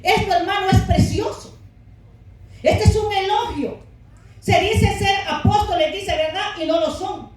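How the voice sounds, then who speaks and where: Very high-voiced woman preaching in an echoey hall. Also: a little slow, far from the mic. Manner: fervent, calls out to the brethren, rises to shouts. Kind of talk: Pentecostal sermon.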